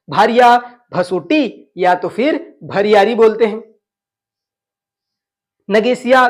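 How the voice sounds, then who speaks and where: A man teaching an exam class, asking questions and answering them himself, with local phrases mixed in. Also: high-pitched. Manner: slips into Chhattisgarhi phrases. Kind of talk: lecture drilling exam facts.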